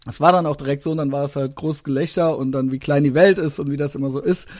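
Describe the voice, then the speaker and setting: A man in his thirties, from western Germany, hosts a relaxed podcast conversation. His voice sits a little high for a man, and it sounds close and dry, with no room around it. He talks in loose, hesitant runs full of small filler sounds. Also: fast talker, no room sound. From Koblenz, Germany. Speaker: podcast host. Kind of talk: casual podcast chat.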